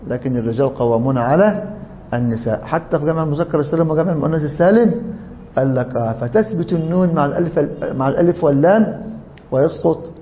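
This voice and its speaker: Quick high-voiced Egyptian teacher. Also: male voice, lo-fi sound, slight background noise. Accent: Egyptian Arabic. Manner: animated, jokey, asks the class questions. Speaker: teacher of Arabic grammar. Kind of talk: lively classroom grammar lesson.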